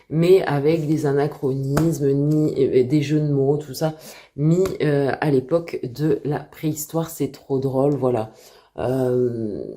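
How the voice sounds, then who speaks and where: A woman chatting casually to camera as a book vlogger at home, hesitant and full of filler pauses. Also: low-pitched, mellow.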